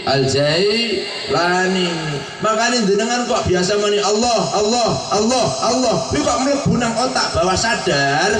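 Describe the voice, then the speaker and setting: A Javanese-accented man preaches in a joking, storytelling way and slips into the voices of his characters. His voice sits high and swings widely. He sounds far from the mic in an echoing hall, with music playing behind him. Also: background noise. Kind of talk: humorous Javanese sermon. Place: hall at a religious gathering. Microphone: microphone.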